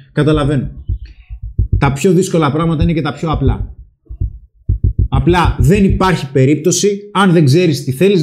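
A man hosting a talk show, speaking emphatically and loudly, with frequent swearing. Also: on the high side. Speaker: podcast host. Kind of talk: animated opinion talk.

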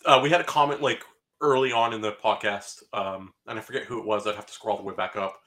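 A man co-hosting a casual podcast, relaying viewer comments in an animated, insistent way. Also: lowish voice, fast. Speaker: podcast co-host reading chat comments. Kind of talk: casual group chat.

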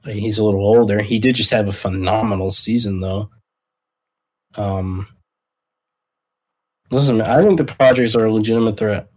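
Blunt guy debating sports on a podcast, kinda low voice, casual and opinionated. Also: moderate pace, pauses often, a little mellow. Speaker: podcast co-host.

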